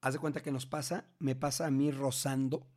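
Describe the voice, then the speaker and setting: A middle-aged man with a Mexican Spanish accent casually telling his grown child a story in a slangy, animated way, often restarting his sentences. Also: medium pitch, normal speed.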